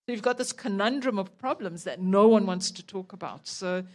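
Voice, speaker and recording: Woman panelist, urgent and emphatic, mid-pitched conference voice. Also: moderate pace, a little mellow.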